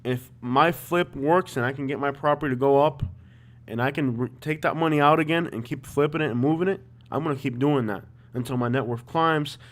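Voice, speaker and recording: A man's voice: on the high side, brisk. A man with a Miami accent hosting a livestream, chatting informally and thinking aloud as he comments. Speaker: livestream host. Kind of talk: casual chat, live commentary on property listings.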